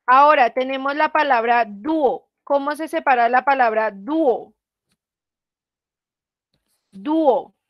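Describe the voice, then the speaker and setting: A woman's voice: high voice, moderate pace, hardly any pauses, dry recording, dull audio. A woman teacher explaining a lesson patiently to students, often asking them questions. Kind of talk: online class explanation.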